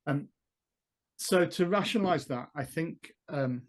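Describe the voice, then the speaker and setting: A man's voice: fairly high pitch, unhurried. A man playing a tabletop role-playing game, thinking aloud as he builds the scene step by step. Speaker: player. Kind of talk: tabletop role-play storytelling.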